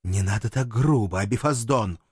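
A man voicing a gentle, patient male angel in an audiobook, speaking in a soothing way. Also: lowish voice, moderate pace, husky, dry recording, studio quality.

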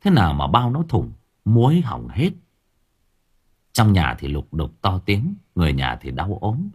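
Husky male storyteller with a lively voice. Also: low voice, measured pace. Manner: expressive, dramatic reading. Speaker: audiobook narrator. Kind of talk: storytelling narration.

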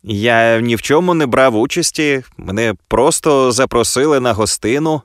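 A man's voice: medium pitch, normal speed, no echo, clean studio sound, voice pushed up, natural voice. A man voicing a brash accused journalist who denies everything before a tribunal. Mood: indignant. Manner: insolent, denying.

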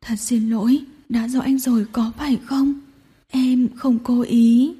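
A woman's voice: high voice, fairly even intonation, moderate pace, warm tone, voice pushed up, close to an everyday voice. A woman reading a storybook and voicing a tearful, clingy young woman who pleads between sobs. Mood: sobbing, pleading. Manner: sobbing, pleading, breathy.

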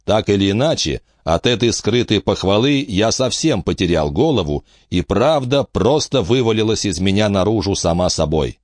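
Low, lively male audiobook narrator. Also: moderate pace, few pauses, no room sound, clean studio sound. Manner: expressive storytelling. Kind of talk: first-person audiobook narration.

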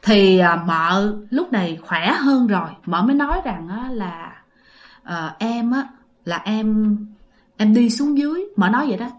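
A woman's voice: medium pitch, animated, a little slow. A woman telling a ghost story in a chatty way, often turning to her listeners with fillers. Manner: chatty, addresses listeners directly, many fillers.

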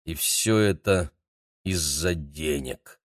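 A man's voice: low-pitched, lively intonation, takes it slowly, no room sound, clean studio sound, exaggerated voice. A man doing a fretful, lamenting old hotel keeper. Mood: aggrieved. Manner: lamenting, exasperated.

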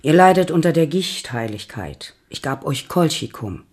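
A woman playing a woman disguised as a young male physician, calm and persuasive, in a radio play. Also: low-pitched, moderate pace, husky. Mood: measured.

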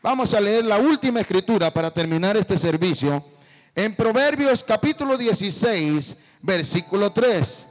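A man's voice: high-pitched, animated, moderate pace, low-quality recording. A middle-aged male preacher giving a sermon, telling stories and calling out to the congregation as brothers. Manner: storytelling, addresses the congregation as brothers.

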